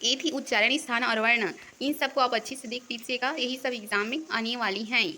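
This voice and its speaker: A woman teaching an exam-prep lesson, reading each definition aloud in a slow, even teaching cadence. Her voice sits a little high and sounds bright and clear. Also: slight background noise. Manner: reads definitions in a steady, deliberate teaching cadence.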